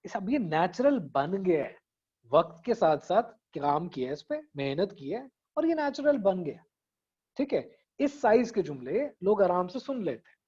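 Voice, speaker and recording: A man's voice: sits high, big pitch swings, unhurried, mellow, slightly rough. Guy teaching a speaking class online, keeps asking "got it?", kinda dull lo-fi sound. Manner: conversational, mixes English phrases, frequent "theek hai" checks. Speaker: public speaking trainer. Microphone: video call.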